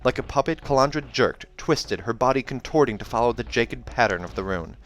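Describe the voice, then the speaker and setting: A man with a medium-pitched voice reads a fantasy novel aloud at a fairly quick pace, narrating expressively while also tossing in casual comments of his own.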